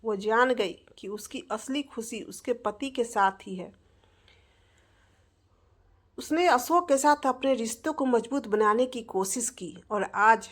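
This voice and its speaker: A woman storyteller narrating a scripted family drama in a steady, expressive way. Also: fairly high pitch.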